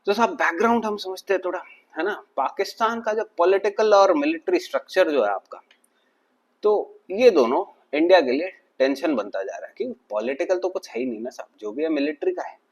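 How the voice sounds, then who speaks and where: A man's voice: high-pitched, animated, fairly quick. A man doing casual, mocking political commentary in a chatty way, constantly addressing his viewers.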